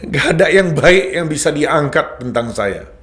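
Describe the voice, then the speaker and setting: A man's voice: fairly high pitch, animated, normal speed, a bit bright. A middle-aged man telling his personal faith testimony in an earnest, heartfelt way, slipping in a few English words. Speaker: guest sharing a conversion testimony.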